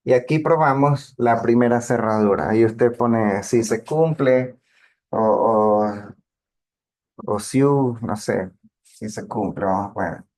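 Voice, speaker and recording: A man lectures slowly on linear algebra, with a mid-range voice that sounds a little mellow. He takes his listeners through the math step by step, patiently and plainly, checking in with them regularly.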